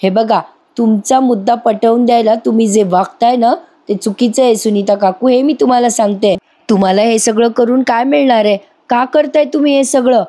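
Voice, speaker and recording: A woman's voice: a little high, steady tone, normal speed, warm tone, lightly acted. A woman voicing a young bride from a TV serial who pleads with and firmly answers her accuser. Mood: pleading. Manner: pleading, then firm.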